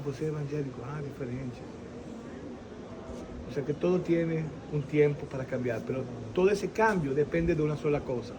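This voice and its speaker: Venezuelan man, 60s, animated storyteller on an outdoor interview with a noisy background, slightly high voice. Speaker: interviewee giving his faith testimony. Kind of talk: animated personal testimony.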